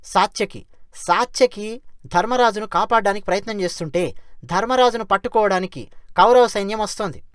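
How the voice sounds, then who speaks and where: A storyteller retelling an epic in a lively conversational way, often asking rhetorical questions of the listener. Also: medium pitch, brisk, no echo, studio quality.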